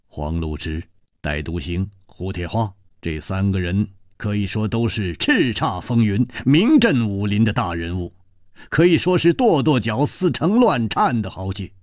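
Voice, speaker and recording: A male storyteller narrating a martial-arts tale in a dramatic, expressive style. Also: lowish voice, measured pace, dry recording, studio quality.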